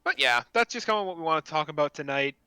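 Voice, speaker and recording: A man's voice: a little high, animated, fast talker, pushed and bright, clean tone, no echo, rough recording. A man co-hosting a casual gaming chat, chatty and self-mocking, laughing often. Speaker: podcast co-host.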